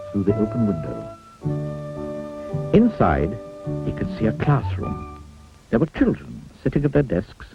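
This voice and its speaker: A man with a fairly low, fry-tinged voice reads a children's storybook aloud, having fun with it and stretching out words for emphasis. His delivery swoops playfully and draws things out. The recording is slightly muffled, with faint music in the background.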